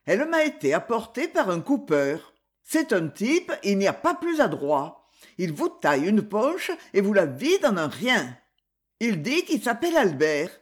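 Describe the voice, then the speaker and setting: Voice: medium pitch, huge pitch swings, a little slow, breathy edge, exaggerated voice. A reader voicing a cornered, grumbling male crook in an audiobook, hesitant and surly.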